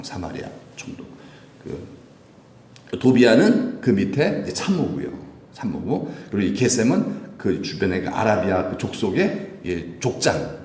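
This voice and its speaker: A man preaching a Sunday sermon, his voice lively and swinging widely in pitch. He peppers the congregation with questions and rises to shouted emphasis. The sound rings through a reverberant church sanctuary. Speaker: pastor. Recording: echoey church room.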